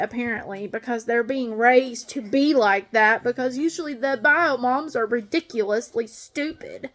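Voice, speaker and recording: In a casual vlog monologue, a fed-up stepmom vents at length. Her voice is noticeably high, and she speaks bluntly and angrily.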